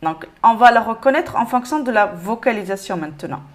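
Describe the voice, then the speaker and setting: Une femme qui donne un cours de lecture avec patience, en répétant lentement chaque mot. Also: female voice, on the high side, lively intonation. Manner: patient, repeats each word slowly. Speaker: Arabic reading teacher. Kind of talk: step-by-step lesson.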